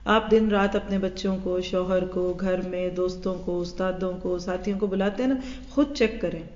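A middle-aged woman teaches a hadith lesson, slipping into playful voices to act out everyday scenes. Her voice carries a long echo, as if recorded in a large hall. The sound is dull and lo-fi. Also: fairly low pitch. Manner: animated, acts out everyday dialogue in voices. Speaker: religious teacher. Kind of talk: hadith lecture.

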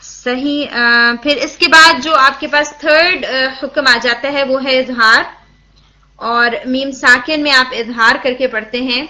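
A woman's voice: high voice, bright, forceful tone. A woman teaching Quran recitation rules, patiently explaining and demonstrating sounds, often checking in with her listeners and mixing English words into her speech. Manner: checks in with listeners, asks and answers her own questions. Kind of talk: tajweed lesson, explaining and demonstrating.

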